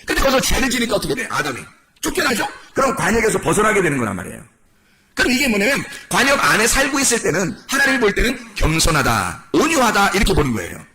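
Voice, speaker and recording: Animated high-voiced male preacher. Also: fast talker, over a noisy crowd. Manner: animated preaching, rhetorical questions to the congregation. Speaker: pastor. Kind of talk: sermon.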